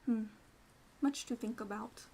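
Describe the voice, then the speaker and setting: A young adult woman streamer in quiet, casual ASMR chat, playful and rambling, sometimes dropping into soft whispers. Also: fairly high pitch, measured pace, vocal fry, husky.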